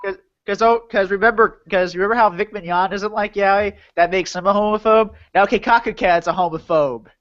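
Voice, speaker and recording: Higher-voiced man hosting, dull lo-fi audio. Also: fairly even intonation, brisk, few pauses, fairly bright tone. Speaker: podcast host. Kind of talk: casual podcast chat.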